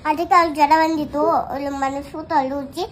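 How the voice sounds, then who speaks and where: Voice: high-pitched, steady tone, quick pace, fairly bright tone, slight background noise. A speaker in a comic skit who talks in rambling, repetitive chatter.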